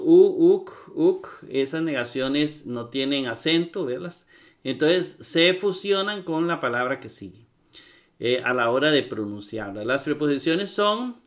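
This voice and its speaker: A man giving a recorded grammar lesson. He talks haltingly, with many fillers and repeated words, and checks in with his listeners. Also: fairly high pitch, a bit bright. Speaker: Greek grammar teacher.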